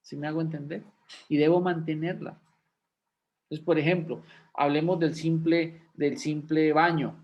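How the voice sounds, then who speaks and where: A man's voice: a little high, level tone, moderate pace, dull audio. A man, a pastor teaching a class in a conversational sermon style, often checking in with rhetorical questions. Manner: folksy, asks rhetorical questions of listeners.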